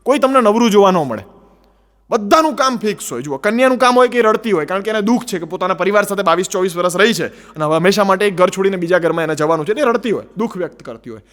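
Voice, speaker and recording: A man with a Gujarati accent doing animated stand-up storytelling, acting out the people in his jokes. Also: high voice, racing, in a large hall. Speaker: stand-up comedian.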